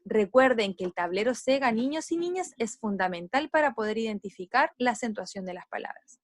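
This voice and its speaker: A woman teaching young children, explaining step by step and drawing out syllables slowly as she models words. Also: a little high, expressive, a little hiss or hum. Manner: slow, stressed syllables when modeling words. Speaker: primary school teacher.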